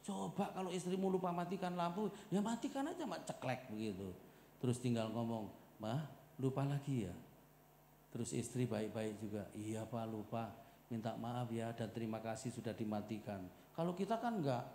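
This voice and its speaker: A middle-aged man preaching a marriage seminar sermon, joking, loud and animated, calling for amen. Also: mid-range voice, normal speed, slight background noise. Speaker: pastor. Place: church hall. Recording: echoey church hall with long reverb.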